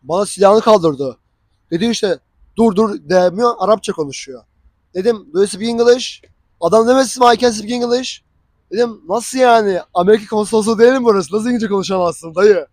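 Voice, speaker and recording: Genç bir adam, yaşadıklarını diyalogları canlandırarak sohbet havasında anlatıyor. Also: male voice, sits high, brisk, no room sound. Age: young adult. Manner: animated, acts out dialogue. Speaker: vlogger. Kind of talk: casual storytelling.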